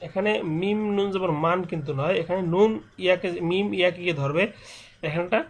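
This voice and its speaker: A man with a slightly raised voice teaches Quran recitation rules. He speaks patiently and repeats each letter and rule. When he demonstrates, he stretches the nasal sounds out slowly. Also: sits high. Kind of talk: step-by-step recitation lesson.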